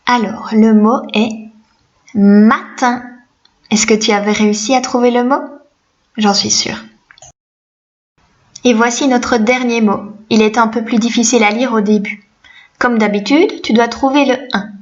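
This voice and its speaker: A woman teaching a reading lesson to young children, slow, gentle and encouraging. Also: fairly high pitch, fairly even intonation, highs cut off.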